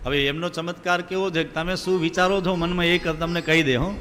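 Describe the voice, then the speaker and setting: A man's voice: a little high, fairly even intonation, a little fast, a bit bright, a little hiss or hum. A male preacher gives a devotional sermon, telling stories and putting rhetorical questions to his listeners. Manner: storytelling, asks the audience rhetorical questions. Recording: reverberant hall with sitar music behind.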